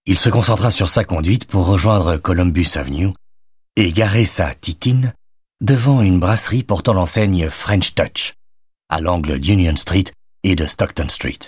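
A man narrating a novel as an audiobook, reading in an expressive storytelling manner on a close microphone. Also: deep voice, unhurried, breathy edge, no room sound. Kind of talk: scripted narration.

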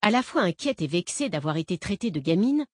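A woman narrating an audiobook in an even, measured reading voice. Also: on the low side, dry recording, studio quality.

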